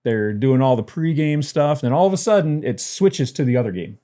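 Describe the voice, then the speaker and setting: A man co-hosting a casual wrestling podcast, chatty and quick to laugh as he rants about sports and wrestling. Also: medium pitch, lively intonation, dark tone. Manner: chatty, laughs while ranting. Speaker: podcast co-host. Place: lives in Detroit.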